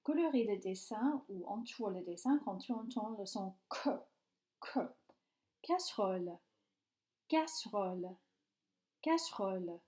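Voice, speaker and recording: A woman teacher reading phonics exercises aloud, saying each word slowly and repeating it three times, sounding words out syllable by syllable. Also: mid-range voice, lively intonation, a little mellow.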